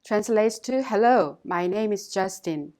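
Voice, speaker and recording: A woman teacher giving a scripted language lesson in a measured, instructive way, pausing to model phrases for listeners to repeat. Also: medium pitch, expressive, darkish tone.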